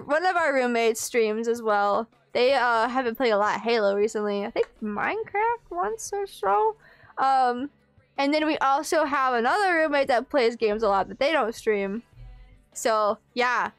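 Young woman streaming, really high voice, chatty and giggly, dry room sound, music behind. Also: expressive, unhurried, clean tone, dry recording. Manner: playful, giggly, exclamatory. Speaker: live streamer. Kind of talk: casual livestream chat with viewers. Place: small room at home, indoors.

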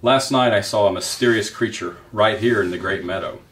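A man voicing a fussy, nervous male owl who hoots in a raised, excited voice. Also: fairly low pitch, a little fast, recorded from a distance, close to an everyday voice. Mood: urgent.

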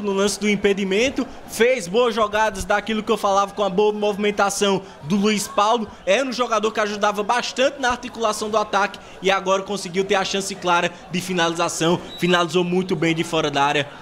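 A Brazilian man works as a football analyst on a live broadcast. He explains at length in a high-pitched voice and moves along quickly. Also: a bit bright. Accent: Brazilian Portuguese. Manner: wordy, explanatory.

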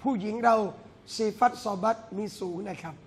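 High-voiced animated male preacher. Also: moderate pace, slight background noise. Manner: animated, swings between loud exclamations and quiet asides; joking storyteller who addresses listeners as brothers and sisters. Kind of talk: Islamic sermon to a gathering. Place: café venue.

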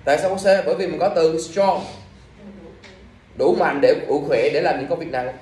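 A man's voice: on the high side, normal speed, a little mellow. Male English teacher, quizzing and scolding a class; distant, roomy recording. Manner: scolding, drilling questions at students. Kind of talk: classroom exam review lesson. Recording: echoey room from far off.

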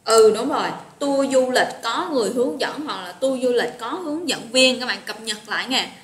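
A woman's voice: a little high, expressive, moderate pace. Chatty woman teaching English. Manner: chatty, greets students by name, mixes English words into Vietnamese. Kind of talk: live online vocabulary lesson. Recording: roomy echo with faint noise.

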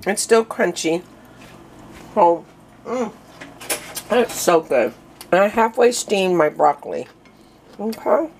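A woman's voice: mid-range voice, expressive, slow pace, pauses often, darkish tone, a little hiss or hum. A woman vlogging a casual cooking demo in her home kitchen, chatty and rambling with many fillers and restarts, breathing hard.

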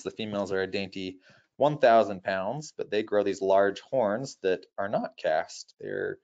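Deep-voiced man giving a nature documentary-style talk. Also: darkish tone, highs cut off. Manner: measured, informative, with halting self-corrections. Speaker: wildlife presenter giving a nature lecture.

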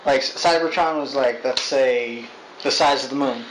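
A man's voice: mid-range voice, normal speed, background noise. A young man chatting casually about a movie, rambling, swearing and stumbling over his words. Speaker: co-host. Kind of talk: casual movie review chat.

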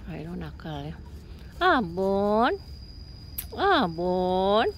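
A woman vlogging outdoors and chatting casually to viewers. She coos and playfully scolds her pets, often calling to them in a high voice. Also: sing-song, very slow. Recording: faint outdoor noise with crickets.

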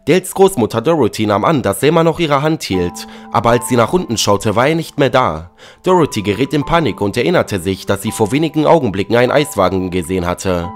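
A man narrating a dramatic story in a lively reading tone. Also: medium pitch, quick pace, few pauses. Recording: faint background music.

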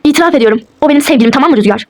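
A woman's voice: high-pitched, racing, lightly acted. A woman voicing a defiant young wife in a toy role-play, with curt, dismissive retorts.

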